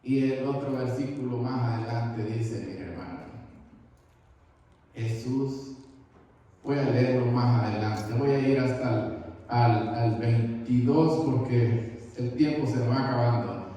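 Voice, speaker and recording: Fervent preacher in an echoing hall. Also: male voice, medium pitch, fairly even intonation, slow pace, warm tone. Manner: fervent, addresses listeners as brother. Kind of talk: sermon. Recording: distant, roomy hall reverb.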